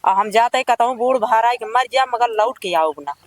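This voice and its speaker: A woman's voice: a little high, animated, brisk, lightly acted. A woman playing a distraught young village woman in an amateur comedy skit, plaintive, with an Awadhi accent.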